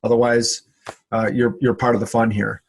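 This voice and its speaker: A man's voice: medium pitch, flat delivery, normal speed, vocal fry, breathy edge. A man hosting a casual social hour on a video call, chatty and full of fillers and repeated words. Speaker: event host.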